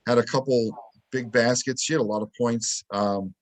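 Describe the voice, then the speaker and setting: A man co-hosting a sports podcast, telling game stories in a lively, casual way and acting out what people said. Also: medium pitch, moderate pace. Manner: animated storytelling, acts out quotes. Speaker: podcast co-host.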